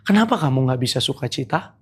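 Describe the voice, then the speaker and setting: Very husky woman preaching a sermon. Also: very deep voice, animated, fast talker. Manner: exhorting, repeats calls to repent, drops to hushed whispers between forceful rises. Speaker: evangelist preacher. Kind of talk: Sunday worship sermon.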